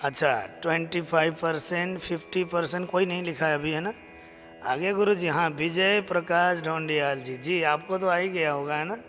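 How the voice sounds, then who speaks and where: A man with a high voice leads a slow lesson in chanting a devotional hymn. He sings each line and then gently urges listeners to repeat it. A long reverb and faint music hang behind him. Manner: chants verses slowly, then coaxes viewers to repeat. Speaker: stotra recitation teacher. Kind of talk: live stream chanting lesson.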